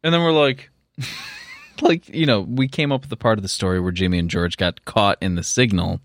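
Male co-host, animated and chatty, expressive pitch, dry booth sound. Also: normal speed, no room sound. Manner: animated, laughs often, many fillers. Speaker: podcast co-host. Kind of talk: casual chat.

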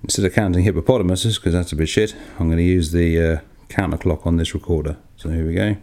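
A podcast host rambles chattily and self-deprecatingly, swearing casually while talking through hands-on work in a small, echoey darkroom. His voice is low-pitched, steady, and darkish, and he speaks at a quick pace.

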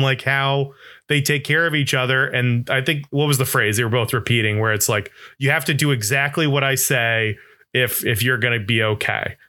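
A man with a bright, forward tone talks casually as a podcast co-host. He is enthusiastic and rambles a little, restarting his thoughts as he goes. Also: mid-range voice. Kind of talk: casual chat.

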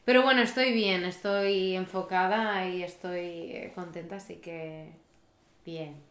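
A woman's voice: fairly low pitch, fairly even intonation, measured pace, a bit bright. A woman co-hosting a podcast, chatty and encouraging, her sentences often trailing off. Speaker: podcast co-host. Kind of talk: casual podcast chat. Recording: echoey room.

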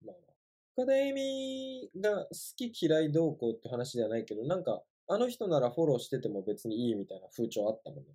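Young dude on a podcast, chill and blunt, voice jumps around a lot. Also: male voice, on the high side, quick pace. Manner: relaxed, blunt, teasing. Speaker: podcast co-host. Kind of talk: casual chat.

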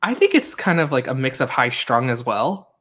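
A man from Long Island, a guest on a podcast, chatting casually with quick asides. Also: medium pitch, very animated, fairly bright tone, breathy edge. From Long Island, New York. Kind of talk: casual chat.

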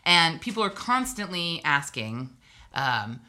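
A woman's voice: low-pitched, very animated, takes it slowly, pushed and bright. A woman from Hawaii, a guest on a casual podcast, telling personal stories in a chatty, wry way with asides.

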